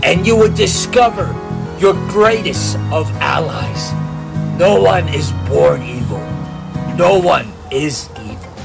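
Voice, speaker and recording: A man acts out a calm, wise mentor from a cartoon. The voice is creaky and fairly high for a man, with swinging intonation, under loud music. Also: slow, exaggerated voice. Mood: solemn wisdom. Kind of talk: animated web series dialogue.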